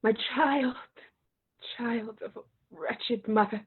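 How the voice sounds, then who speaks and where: A woman's voice: high voice, slow pace, phone-quality sound. An actress playing an old widowed queen turned slave, lamenting with crying in her voice. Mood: fearful. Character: old widowed enslaved queen, grief-stricken. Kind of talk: stage play reading.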